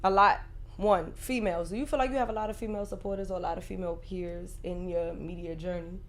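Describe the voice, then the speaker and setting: A woman's voice: on the low side, steady tone, fast. A woman talking in a blunt, opinionated, colloquial way in a casual interview.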